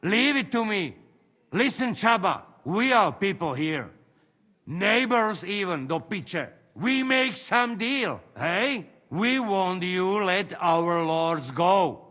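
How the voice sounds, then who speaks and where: An actor playing a friendly, persuasive mercenary who speaks broken English in a game. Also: male voice, high-pitched, sing-song, takes it slowly, sharp tone, big-room sound, full character voice. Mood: coaxing. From Trenčín.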